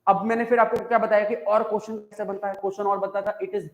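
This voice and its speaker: A man's voice: high-pitched, little pitch movement, fast talker. A man with an Indian accent teaching English grammar in a live online class, explaining by repeating points and asking the class questions. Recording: echoey room with long reverb.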